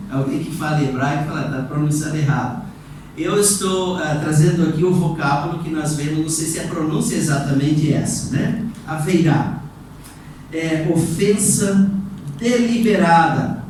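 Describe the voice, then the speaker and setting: A male pastor teaching a sermon, explaining slowly and often restarting his sentences. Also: a little high, a little mellow. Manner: explanatory, halting with many restarts and fillers. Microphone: room recording, setup just installed. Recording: echoey room, distant mic, faint noise.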